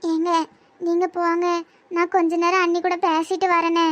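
A woman's voice: very high-pitched, monotone, moderate pace, a bit bright, no echo. A woman voicing a shy young village bride-to-be who gives hesitant, short replies in a Tirunelveli accent, for a comedy cartoon. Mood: quiet. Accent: Tirunelveli Tamil. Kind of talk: cartoon voice acting.

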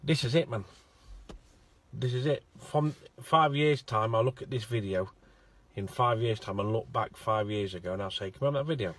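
A man's voice: lowish voice, moderate pace, fairly bright tone, no echo. A middle-aged man vlogging from inside a car on a phone held at arm's length, stammering and repeating words as he talks. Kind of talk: casual selfie vlog.

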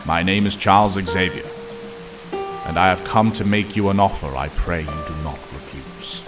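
An actor plays a wise older professor in an audio drama. His very deep voice is grave, formal and persuasive. Loud music and rain sit behind the speech. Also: normal speed, close to an everyday voice. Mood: earnest, persuasive.

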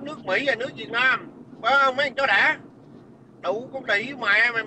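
High-voiced man ranting. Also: a little hiss or hum, low-quality recording. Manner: shouting insults, scornful and profane. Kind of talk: profane angry rant.

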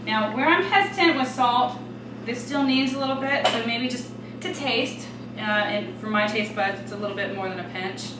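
Here a chef who hosts a cooking show, an American woman, chats her way through a casual demo at the stove of an indoor, homey kitchen, instructing viewers and addressing them directly. Her voice is on the high side and her pace moderate. Recorded from a distance in a roomy space, the audio is loud with kitchen sounds like a sizzling pan, clattering pots and stirring.

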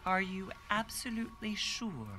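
A woman's voice: medium pitch, expressive, measured pace, sharp tone, faint music behind. An actress playing a cold, determined mother in a game. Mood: cold resolve. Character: cold, resolute mother with a dark secret.

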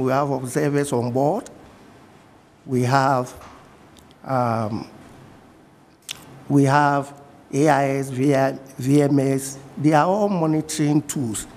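A middle-aged Ghanaian-accented man from the fishing industry is interviewed as a guest in a TV studio, speaking in a measured way and repeating his key points. His voice is fairly high and steady, and the sound suggests a large hall.

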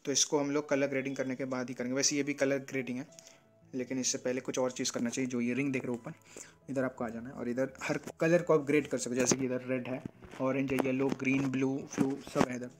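A man with a medium-pitched voice races through a casual screen-recorded tutorial on photo edits, speaking fast in a flat, even tone. He explains step by step, often checking in with "theek hai na," while soft music plays underneath.

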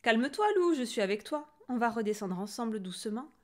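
A woman voicing a lively, sporty male animal friend in a story, energetic and encouraging. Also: a little high, brisk, close to an everyday voice. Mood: reassuring.

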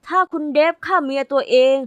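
A woman voicing a meek, timid teenage boy who speaks in a hushed, hesitant way. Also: a little fast, no room sound, dull audio, natural voice. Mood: worried. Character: timid teen boy classmate, meek and gossipy.

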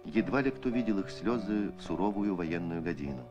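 A man narrating an old Soviet newsreel in a solemn, measured, declamatory scripted style. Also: deep voice, expressive, dull audio. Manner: measured, declamatory documentary delivery. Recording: archival film soundtrack with music. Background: music.

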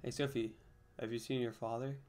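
A man reading the lines of a kind, caring adult man in his own gentle, earnest voice. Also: mid-range voice, little pitch movement, fairly quick, slight background noise, lightly acted. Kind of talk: reading game dialogue aloud.

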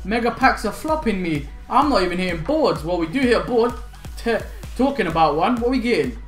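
With a high, sing-song voice moving a little fast, a young male gaming YouTuber gives pumped-up pack-opening commentary full of slangy banter, shouts and laughter. The setting is a small indoor home room, with faint music in the background.

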